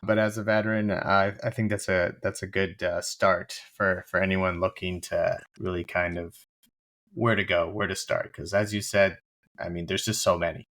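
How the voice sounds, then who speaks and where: A woman hosting a podcast interview, easygoing and quick to laugh. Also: very deep voice, flat delivery, a bit bright. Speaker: podcast host.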